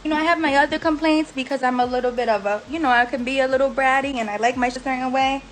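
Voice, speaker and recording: Talking fast in a high-pitched voice with fairly even intonation, the young woman vents to camera from her post-surgery recovery house bedroom. She swears and complains bluntly about her care, sounding frustrated and worn, while the poor audio has a slight hiss or hum.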